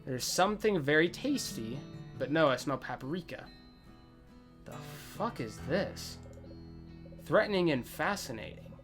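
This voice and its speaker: A man's voice: a little high, expressive, measured pace, pauses often. A man giving casual playthrough commentary as a gaming host, muttering to himself and pleased with his own progress. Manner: self-congratulatory, mutters to himself, swears casually. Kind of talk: casual game playthrough commentary, reading dialogue aloud. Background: soft music.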